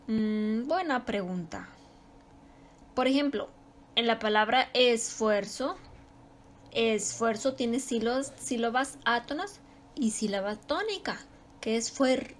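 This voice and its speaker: A woman teaching a grammar lesson, explaining slowly and repeating example words with strong stress. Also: a little high, a little hiss or hum.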